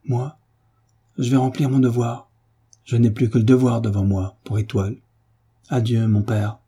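A man's voice: medium pitch, level tone, normal speed, dark tone, slightly rough, close to an everyday voice. A man reading the cold, firm lines of a resolute young son in an audiobook. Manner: icy, firm.

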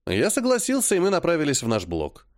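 A man's voice: on the high side, wildly swooping pitch, fast, no room sound. A man reading a first-person audiobook in a dry, matter-of-fact manner. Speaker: audiobook narrator.

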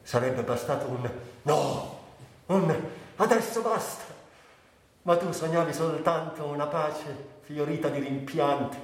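In a dramatic literary monologue for radio, a stage actor and director plays a sick man full of anguish and bitter irony, his voice pitched a little high. He speaks in broken, lyrical phrases separated by long pauses, and the mood is mournful and lyrical. The recording is very echoey and distant, with a faint hiss.

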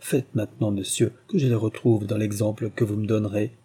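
Proud young soldier son, a man reading him, firm and steady, very dark husky tone. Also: on the low side, a little fast. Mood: resolute.

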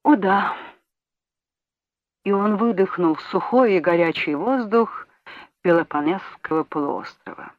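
A woman narrating an audiobook in a measured, even reading voice. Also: lowish voice, no echo. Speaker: audiobook reader. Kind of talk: scripted narration. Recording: dull lo-fi audiobook recording, dry.

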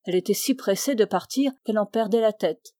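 Une femme lit à voix feutrée les répliques d'un jeune homme amoureux, sincère et tendre, dans un livre audio. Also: female voice, mid-range voice, fairly quick, dark tone, no room sound, clean studio sound, natural voice. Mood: earnest. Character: young man in love, earnest and tender. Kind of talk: audiobook dialogue reading.

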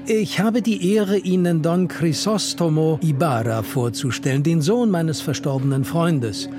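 A man's voice: on the high side, measured pace, natural voice. A man reading the lines of a formal, deferential host greeting his guests, over music. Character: hospitable middle-aged host of a grand party. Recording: music playing under the reading.

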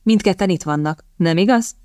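A woman voicing a quick-witted young woman who speaks in a cutting, impatient way. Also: fairly low pitch, darkish tone, dry recording, clean studio sound, close to an everyday voice. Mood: tart.

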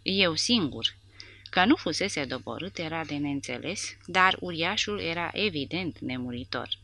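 A woman narrating a war novel audiobook with a dramatic, expressive reading. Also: low voice, a little hiss or hum.

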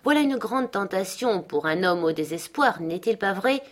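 A woman's voice: medium pitch, animated, normal speed, close to an everyday voice. A woman reading aloud as a desperate, threatening man on the edge of madness. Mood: menacing. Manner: dark, threatening declamation.

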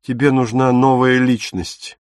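A man voicing an earnest young soldier who speaks in a soft, steady, protective way in an audiobook. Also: medium pitch, measured pace, smooth, dry recording, studio quality, lightly acted. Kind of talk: audiobook character reading.

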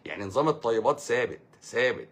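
A man's voice: medium pitch, sing-song, quick pace. A man with an Egyptian accent hosting a livestream, answering viewer comments in a sarcastic, mocking, rambling way. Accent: Egyptian Arabic. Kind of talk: sarcastic casual livestream talk.

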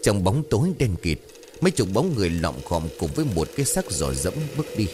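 A man narrating a horror story in a dramatic, expressive reading. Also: low-pitched, brisk, noisy background.

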